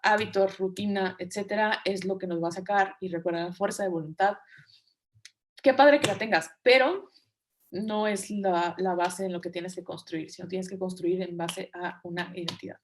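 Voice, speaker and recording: A woman's voice: lowish voice, steady tone, normal speed, slight background noise. A woman with a Mexican Spanish accent presenting a leadership webinar in a casual, chatty way, often acting out quoted inner voices. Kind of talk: casual spoken webinar lesson.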